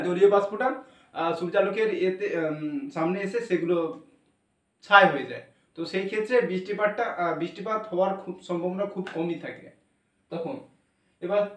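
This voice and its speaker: A man's voice: high voice, distant mic. A man teaching an English class in Bengali-accented speech, explaining step by step and spelling words out letter by letter. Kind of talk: classroom lesson on spelling and pronunciation. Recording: echoey room, voice from off the mic.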